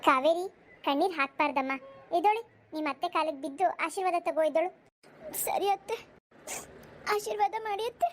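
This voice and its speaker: A woman voicing a gentle young wife who consoles and soothes her family in a cartoon. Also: extremely high pitch, brisk, long pauses, a little hiss or hum. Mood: coaxing. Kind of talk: cartoon voice acting.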